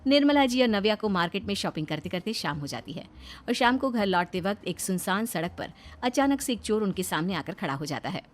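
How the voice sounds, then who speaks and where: A woman's voice: mid-range voice, expressive, brisk, a little hiss or hum. A woman narrating a scripted moral story.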